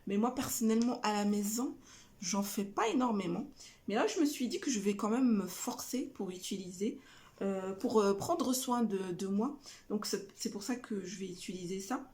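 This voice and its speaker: A middle-aged family vlogger chats casually to camera about her shopping haul, hesitating often with many fillers and restarts. She speaks at normal speed in a mid-range, darkish-toned voice.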